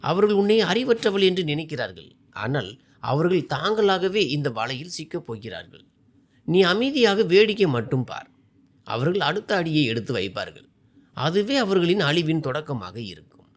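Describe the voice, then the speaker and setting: A calm blind young husband in a narrated family drama, steady and quietly sure of himself, voiced by a male reader. His lines keep a lively rise and fall. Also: on the high side, normal speed. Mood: confiding.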